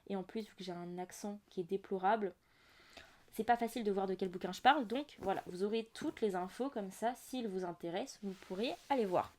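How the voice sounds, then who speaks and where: A young woman hosts a laid-back book podcast in a medium-pitched voice. She rambles warmly through asides and fillers. It sounds like a simple home podcast recording. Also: a little fast. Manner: chatty, many fillers and asides. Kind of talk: casual book chat. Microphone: audio-only podcast mic.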